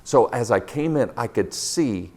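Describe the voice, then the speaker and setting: A man's voice: medium pitch, animated, measured pace, dark tone. A middle-aged man telling a personal story in a sermon, in a conversational, laughing storyteller's manner.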